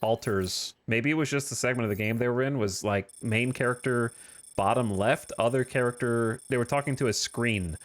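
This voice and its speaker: A man's voice: medium pitch, normal speed. Rambling man commentating over a game. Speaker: game streamer. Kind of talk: casual live gameplay commentary.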